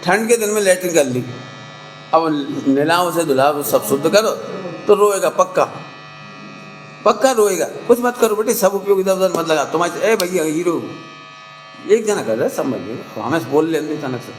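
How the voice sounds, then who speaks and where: High-pitched guy preaching, chatty, slips into acting out people, echoey hall w faint hum. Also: expressive, moderate pace. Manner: conversational, acts out scolding parents with sharp rising voice. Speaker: Jain preacher. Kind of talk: sermon.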